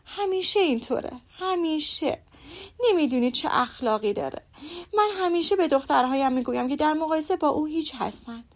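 A woman's voice: high voice, expressive, pitched above the performer's own voice. A woman reading an audiobook, voicing a fussy, boastful middle-aged mother who gushes and prattles. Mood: gushing. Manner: gushing and prattling.

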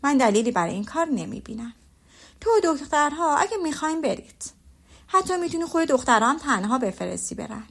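A woman's voice: high-pitched, big pitch swings, vocal fry, exaggerated voice. Woman reading a dry, teasing older husband.

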